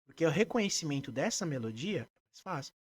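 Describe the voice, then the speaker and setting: A man with a Brazilian Portuguese accent, a music therapist being interviewed, explaining his work in a lively way and breaking into short sung examples. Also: fairly high pitch, fast, husky. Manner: animated, demonstrates by singing snippets.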